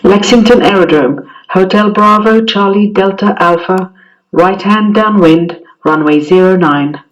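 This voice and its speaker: Brief: male pilot on a cockpit headset radio, high voice, clipped calls, heard from a distance. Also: measured pace. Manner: clipped, formulaic radio phrasing. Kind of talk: demonstrating aviation radio calls.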